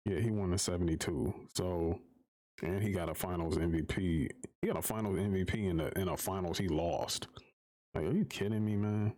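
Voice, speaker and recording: A man with a low, deep voice rants on a live stream. He swears freely and circles back on his points in exasperation, talking casually to his viewers. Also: normal speed, mellow. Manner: profane, exasperated, repeats himself while arguing.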